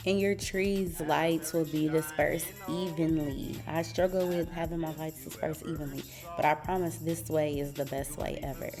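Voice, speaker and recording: A woman's voice: sits low, fairly bright tone. Chatty, sassy woman vlogging at home. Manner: chatty, sassy, slangy asides to viewers. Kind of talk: casual home vlog, tutorial. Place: apartment living room, indoors.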